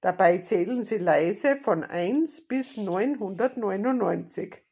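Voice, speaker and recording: A woman voicing a gruff, bossy male robber in a storybook reading, barking commands and growling threats. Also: medium pitch, animated, slow, a little mellow, heavily acted. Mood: gruff, threatening.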